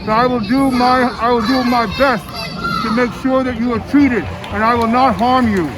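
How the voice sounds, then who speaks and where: A man's voice: very high-pitched, fairly even intonation, normal speed, rough recording. A man from Colorado canvassing at a march, earnestly urging people to sign a petition. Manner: earnest, pleading. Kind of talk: street interview. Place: outdoors at a street march. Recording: outdoor march with loud crowd. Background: loud crowd.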